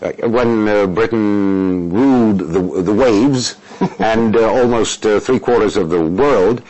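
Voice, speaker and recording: An older man, a native Russian speaker working as an interpreter, answers interview questions in a halting, measured way, full of fillers and restarts. His voice is fairly low and a little mellow, and the audio quality is poor.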